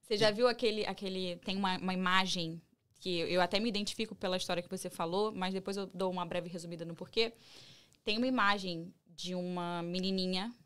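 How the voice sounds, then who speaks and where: A woman's voice: on the low side, fairly even intonation, fast talker, fairly bright tone, clean tone. A woman hosting a chat, nodding along and then describing something she recalls. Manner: supportive backchanneling, eager to share. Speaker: host, interviewer. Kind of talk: casual chat.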